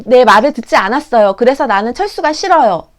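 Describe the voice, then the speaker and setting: A small preschool child, played by a woman, tells plaintively what went wrong and why it hurt. The voice sits high and swoops up and down a lot, in a childlike, complaining way. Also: expressive, fast talker, close to an everyday voice. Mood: hurt, telling.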